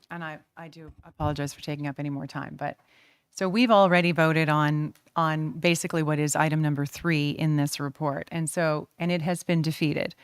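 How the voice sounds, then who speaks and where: Woman councillor, apologetic and unsure, deep smooth voice. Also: dry recording, clean studio sound. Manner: hesitant, apologetic. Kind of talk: council debate.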